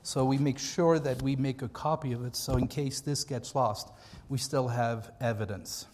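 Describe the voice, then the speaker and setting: American guy, pastor doing a casual church seminar, mid pitch, big reverby room. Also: steady tone, moderate pace, a little mellow, slight background noise. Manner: conversational, emphatic repetition. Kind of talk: informal church training talk. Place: large hall, speaking to a group. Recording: echoey hall with long reverb.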